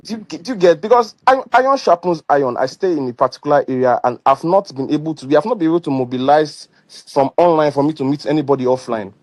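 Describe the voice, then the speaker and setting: A man's voice: fairly high pitch, expressive, quick pace, hardly any pauses, no echo. A man speaking with a dental retainer, rambling and restarting as he talks in an online meeting. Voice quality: slightly muffled speech from a dental retainer. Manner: rambling, repeats words and restarts. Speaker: caller. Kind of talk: casual online meeting talk.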